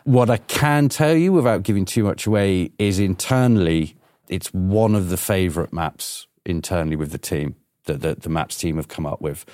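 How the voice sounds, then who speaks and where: A man's voice: low-pitched, normal speed, a little mellow, no echo, studio quality. A man, a producer, talking eagerly on a podcast, hedging with lots of fillers and restarts. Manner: enthusiastic, hesitant with many fillers. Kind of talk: casual podcast chat.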